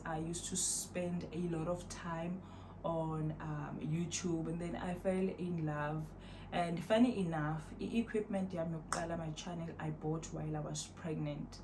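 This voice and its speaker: A South African woman in her thirties, a vlogger with a fairly low voice, chats casually to her viewers from indoors at home. She's laid-back and rambling, slipping Zulu phrases into her talk, and the background is noisy.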